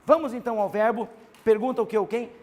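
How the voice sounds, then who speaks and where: A man with a Brazilian Portuguese accent teaching a grammar class, animated and constantly prompting his students to answer. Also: extremely high pitch, fast talker.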